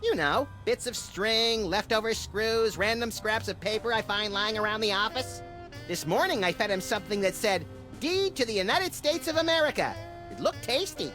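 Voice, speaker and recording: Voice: medium pitch, expressive, normal speed, over music, lightly acted. A voice actor playing a hyperactive rabbit-like sidekick in a video game, chirpy and gleefully unbothered.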